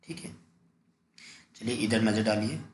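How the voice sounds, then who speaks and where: A man's voice: lowish voice, measured pace. A man teaching an exam-prep lesson, repeating key points and asking then answering his own questions. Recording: echoey room, faint noise.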